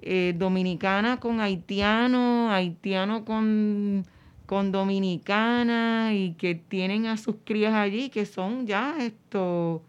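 A woman explaining things in an interview, haltingly and searching for words. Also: mid-range voice, clean tone, lo-fi sound.

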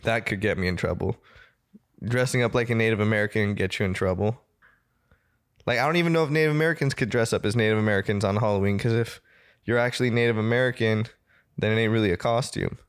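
A man's voice: lowish voice, quick pace, clear, resonant tone. A man chatting casually, with dry, profane jokes. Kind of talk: casual chat.

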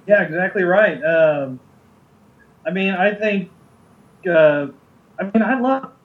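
A man's voice: high voice, expressive, slow, phone-quality sound. A man co-hosting a podcast in casual chat, easygoing and full of ums, laughing often. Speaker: podcast co-host.

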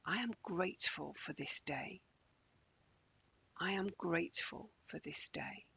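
Man, very gravelly and breathy, fairly high voice, soothing guided meditation, gentle near-whispered instructions. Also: slow.

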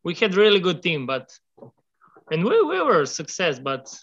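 Young man, halting. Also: sits high, wildly swooping pitch, fairly bright tone, muffled recording. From Serbia. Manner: halting, hesitant, searching for words. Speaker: guest, former exchange student. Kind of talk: remote interview conversation.

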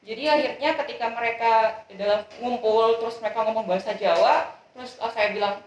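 Brief: young woman guest, fast hesitant talk with many fillers, set back from the mic. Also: on the high side, slight background noise. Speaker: student guest. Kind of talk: casual discussion. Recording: echoey room, distant mic.

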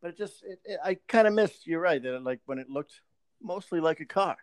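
A man with a high voice that swings widely, trading jokes and swearing in casual podcast chat. The sound is close and dry, with no room in it. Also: animated, brisk, no echo. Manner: joking, swearing, slips into a mock British accent. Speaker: podcast co-host.

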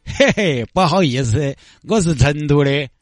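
A man's voice: fairly high pitch, animated, unhurried, dry recording, studio quality, faint music behind, voice pushed down. A man voicing a stubborn old female beggar with a Sichuan accent, taunting and brash. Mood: mocking. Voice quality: brash, taunting dialect banter.

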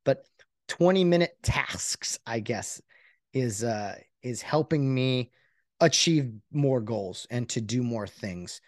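A man hosting a podcast alone, talking in a rambling, earnest and self-reflective way, with many halting restarts. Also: mid-range voice, lively intonation, dry recording, studio quality. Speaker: podcast host. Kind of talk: casual solo podcast monologue.

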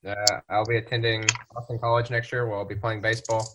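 A man's voice: lowish voice, little pitch movement, fast talker, heavy background noise. A young man introducing himself on a podcast, hesitant and easygoing. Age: young adult. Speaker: podcast co-host. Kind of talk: casual chat.

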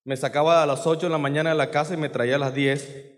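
A man preaching a sermon, dramatic, moving between loud outbursts and quiet asides. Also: fairly high pitch, fairly even intonation, fast talker, in a large hall.

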